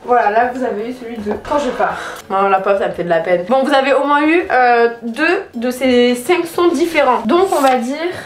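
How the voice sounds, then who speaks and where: A woman's voice: normal speed, few pauses. A young woman from France chatting casually in a vlog at home, playfully talking to her puppy in between. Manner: playful, breaks into high sing-song baby talk with the dog. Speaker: vlogger. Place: home, indoors. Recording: echoey room with background music.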